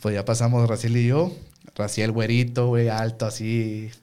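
A young man with a Mexican Spanish accent telling a story in casual interview chat, slangy and animated, acting out the voices of the people he quotes. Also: mid-range voice, moderate pace, clear, resonant tone. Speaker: guest.

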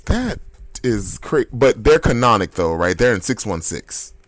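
A man co-hosting a podcast, chatting casually about comics and reacting with animated, high-pitched disbelief. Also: a little slow. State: hiccups. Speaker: podcast co-host. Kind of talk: casual comic book chat.

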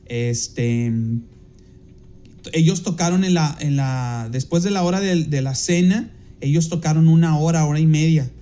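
A Mexican man with a fairly high but mellow, warm voice recounts an anecdote in a loose, rambling way, full of fillers and self-corrections. He hosts a podcast and works as a DJ, and when he quotes someone he slips into a brighter, livelier voice. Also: measured pace. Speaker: podcast host and DJ. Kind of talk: casual anecdote telling.

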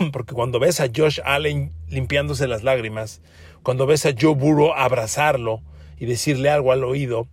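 A man's voice: medium pitch, moderate pace, slightly rough, dry recording. A man with a Mexican Spanish accent hosting a sports podcast, speaking emphatically, calling listeners friends and repeating words for stress. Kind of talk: sports commentary monologue.

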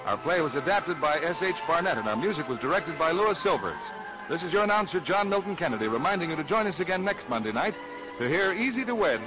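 A man announcing credits in a measured, formal way on an old radio show broadcast. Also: a little high. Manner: crisp, measured announcer delivery. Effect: old radio show broadcast sound. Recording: dull lo-fi vintage radio broadcast.

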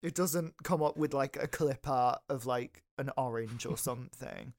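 Young British male podcast co-host, mid-pitched, rambling and enthusiastic, close dry recording. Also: moderate pace, no echo. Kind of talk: casual comic chat.

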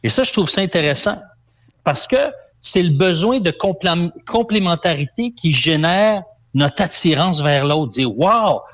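Québécois man coach explaining calmly. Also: fairly high pitch, a little slow. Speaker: relationship coach guest. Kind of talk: casual radio chat.

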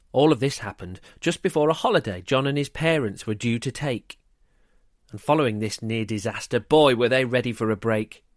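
A man's voice: mid-range voice, dry recording, studio quality. Man reading a rhyming storybook. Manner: lively, expressive reading.

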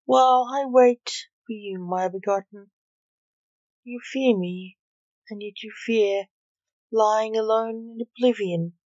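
A woman's voice: on the high side, fairly even intonation, takes it slowly, darkish tone, no echo, muffled recording. A woman voicing the Reaper, a skeletal male figure in a monk's robe, solemn and brusque in his clipped pronouncements.

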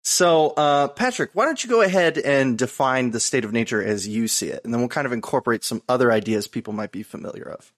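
A man's voice: medium pitch, lively intonation, brisk. A man hosting a podcast, introducing the topic and his guest in a loose, friendly, rambling way. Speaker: podcast host. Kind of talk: casual podcast conversation.

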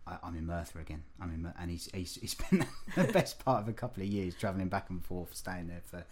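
Deep-voiced man hosting a casual interview. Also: expressive. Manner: informal, halting with repeated words. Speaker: interviewer, podcast host. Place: guest's home in London.

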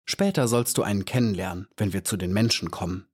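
A man doing a gentle, earnest flower elf. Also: lowish voice, fairly quick, slightly rough. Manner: kind, earnest and patient.

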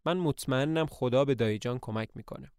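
A man's voice: medium pitch, darkish tone, clean tone, dry recording, studio quality, lightly acted. A man reading the lines of an earnest, worried young woman who runs a household and speaks with frustration.

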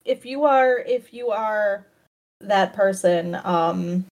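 A woman co-hosting a casual podcast, deadpan and crude in her jokes. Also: medium pitch, slow, poor audio. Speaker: podcast co-host.

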